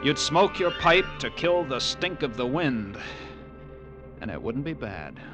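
An actor playing a lighthouse keeper narrating a sea tale in a measured, vivid, dramatic radio-drama style. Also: male voice, mid-range voice, sing-song, loud music behind the voice. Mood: wistful. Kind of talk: classic radio drama first-person narration.

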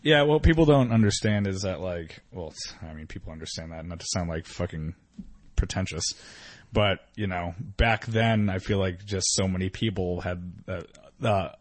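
A man's voice: low voice, moderate pace, dry recording. A man in casual podcast chat who speaks hesitantly and trails off mid-thought.

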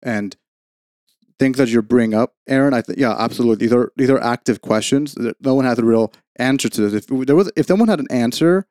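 A man's voice: medium pitch, a little fast, a little mellow, clear, resonant tone, dry recording, studio quality. A man speaking as a guest on a casual podcast panel, in an assertive, argumentative way.

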